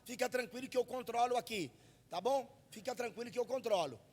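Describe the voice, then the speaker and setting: A Brazilian man preaching a fervent Pentecostal sermon into a handheld mic at a church service, shouting and repeating phrases for the congregation. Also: extremely high pitch, brisk, breathy edge, big-room sound. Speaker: pastor. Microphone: handheld microphone.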